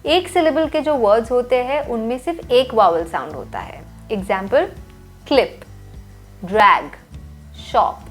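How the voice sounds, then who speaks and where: A woman teaching English grammar rules in a clear, step-by-step way. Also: a little high, sing-song, moderate pace, hardly any pauses, darkish tone. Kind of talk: scripted lesson voice-over. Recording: faint music behind.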